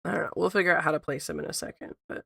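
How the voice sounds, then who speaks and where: A woman who sounds squeaky like a toy because she is sick, chatting casually on an art livestream and thinking out loud as she works. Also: fairly even intonation, very fast, gravelly, dry recording, clean studio sound. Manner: thinks out loud, repeats herself. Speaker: art streamer. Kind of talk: casual livestream chat while drawing.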